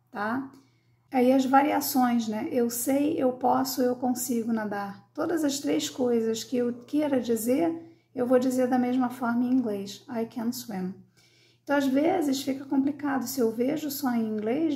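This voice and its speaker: A woman's voice: on the high side, warm tone. A Brazilian woman teaching English grammar, patiently repeating her examples and checking in with her listeners as she goes. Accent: Brazilian Portuguese. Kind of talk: explaining grammar to learners.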